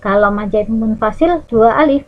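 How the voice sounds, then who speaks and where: Lively Indonesian woman teaching recitation rules. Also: fairly high pitch, narrow, tinny audio. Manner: demonstrates Arabic recitation, stretching words slowly; lively teacherly, checks in with "ya" and "nah". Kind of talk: Quran recitation rules lesson for children.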